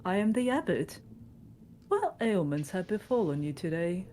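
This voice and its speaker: A woman game master voicing an uncannily perfect male abbot in a flat, robotic, metallic tone with stiff, formal politeness. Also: on the low side, normal speed, a little hiss or hum. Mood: stiffly courteous. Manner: formal, stilted welcoming.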